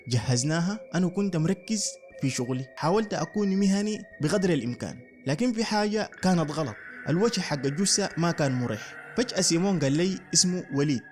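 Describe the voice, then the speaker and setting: A man's voice: a little high, animated, quick pace, faint music behind. A man narrating a first-person horror story in a dramatic way.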